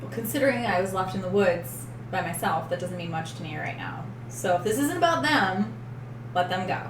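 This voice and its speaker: A woman's voice: mid-range voice, lively intonation, a little fast. Woman playing tabletop game, roomy sound. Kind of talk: casual game-table chat. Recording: echoey room with background noise.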